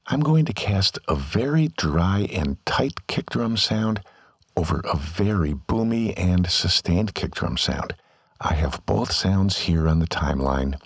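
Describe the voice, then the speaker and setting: A man giving a calm, step-by-step scripted voice-over for a software tutorial. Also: deep voice, gravelly, breathy edge, no room sound, studio quality. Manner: calm, step-by-step instructional delivery.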